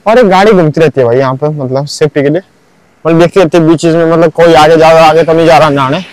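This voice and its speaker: Strolling a beach at sunrise, a young male vlogger chats fast and loosely, leaning on filler words like "bhai" and "matlab". His slightly high, mildly mellow voice comes through a rough recording.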